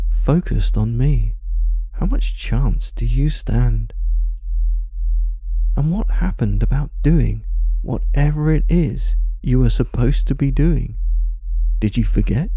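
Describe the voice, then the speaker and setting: A man speaking as a hypnotist in a slow, soft, calm voice that often sinks to a whisper, coaxing and commanding with repeated phrases. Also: mid-range voice, dry recording. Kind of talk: slow hypnosis audio, trance induction.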